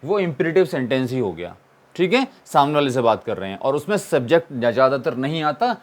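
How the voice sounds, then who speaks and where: A man's voice: mid-range voice, very animated, a little fast. A man teaching an English grammar lesson, asking questions and answering them himself and repeating the key points. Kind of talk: classroom-style explanation.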